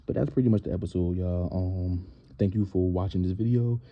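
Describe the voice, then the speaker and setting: A man's voice: deep voice, steady tone, brisk, lo-fi sound. A man hosting a casual reality TV recap, blunt and opinionated, livening up when he quotes people.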